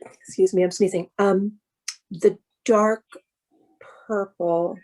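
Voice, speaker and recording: Polite, tentative woman student with a mid-pitched voice, asking a teacher about her painting. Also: steady tone, takes it slowly, darkish tone. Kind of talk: asking a question in class.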